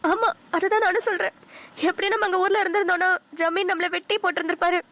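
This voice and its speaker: A woman voicing a gentle, anxious young bride in a cartoon, speaking softly and pleadingly. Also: very high voice, steady tone, quick pace. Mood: worried. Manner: soft, worried, pleading. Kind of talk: cartoon voice acting.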